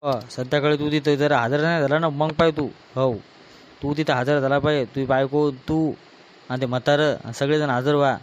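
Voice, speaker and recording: A man with a Varhadi Marathi accent playing a drunk, quarrelsome son who loudly demands his share of the family land in a village comedy skit. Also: on the high side, steady tone, moderate pace, lo-fi sound, slight background noise, lightly acted. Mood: belligerent. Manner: aggressive, shouting threats.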